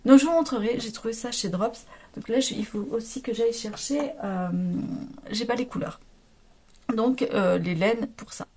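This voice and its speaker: Brief: French woman vlogger, chatty and rambling, laughs a lot, fairly high voice, casual home chat. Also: normal speed, a crowd in the background. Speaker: knitting vlogger.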